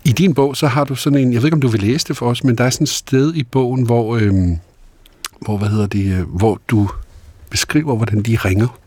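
Male host, husky voice, dry close recording; halting, thoughtful questions. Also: mid-range voice, mellow, no echo. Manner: hesitant, many fillers and restarts. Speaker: interviewer host. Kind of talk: conversational interview.

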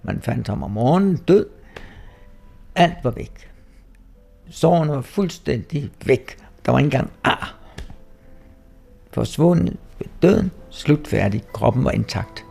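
A man with a deeply gravelly, husky voice tells a story in a measured, hesitant way. Soft music plays faintly behind him. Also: expressive. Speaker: interviewee. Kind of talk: reflective storytelling.

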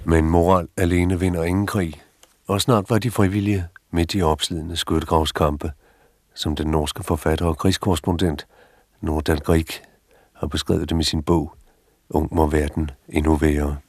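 A man narrating a documentary in a calm, formal scripted manner. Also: very deep voice, dry recording, clean studio sound.

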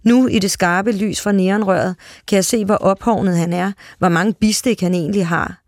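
A calm literary reading of a short story, delivered at a steady, even pace. The voice sits at middling pitch and is recorded close and dry, with no room sound. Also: dry recording. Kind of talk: calm literary read-aloud.

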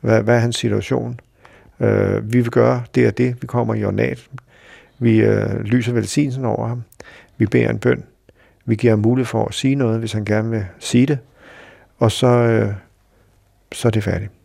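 A middle-aged Danish man telling a personal story in a halting, reflective way, with many fillers. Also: mid-range voice, fairly even intonation, creaky, mellow, dry recording, studio quality. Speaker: interviewee recalling a friend.

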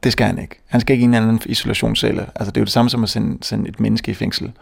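A young man from Denmark telling a comic story on stage, animated and self-mocking, often stammering and restarting. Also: lowish voice, gravelly, slightly rough. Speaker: stand-up comedian. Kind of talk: stand-up storytelling.

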